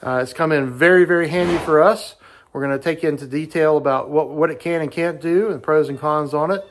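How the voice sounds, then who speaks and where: A man in his forties giving a relaxed, plainspoken tool review to the camera inside a wooden horse barn, with lots of fillers. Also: fairly high pitch, fairly quick, slight background noise. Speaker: farm owner reviewing a tool. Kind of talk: casual talk to camera.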